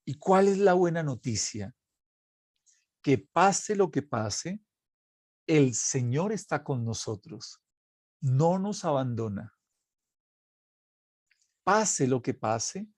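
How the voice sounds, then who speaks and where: A man's voice: a little high, darkish tone, no room sound, studio quality. A man who is a priest, giving a sermon and telling anecdotes, acting out the exchanges he quotes. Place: parish recording.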